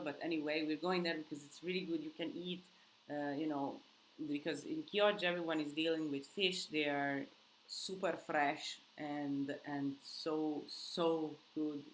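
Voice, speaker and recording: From her countryside home, a woman hosts a live Q&A, chatting casually with viewers in English, which isn't her first language, and rambling with many restarts and fillers. Her voice is low-pitched, and the low-quality recording carries slight background noise.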